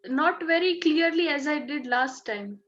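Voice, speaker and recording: A woman's voice: high-pitched, animated, measured pace, muffled recording. A woman interviewer on a video call giving polite, deferential short replies.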